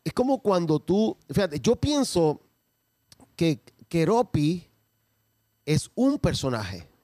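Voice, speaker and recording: A man, a comedian talking casually and reflectively with frequent pauses. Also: a little high, big pitch swings, warm tone, no echo, studio quality. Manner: measured, pauses often, reflective. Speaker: comedian and character performer. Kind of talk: casual conversation.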